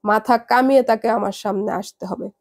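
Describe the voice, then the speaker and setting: A woman's voice: medium pitch, normal speed, darkish tone, close to an everyday voice. A woman voicing an angry, proud middle-aged mother who scolds her daughter over the phone in a heavy voice. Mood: scolding, furious.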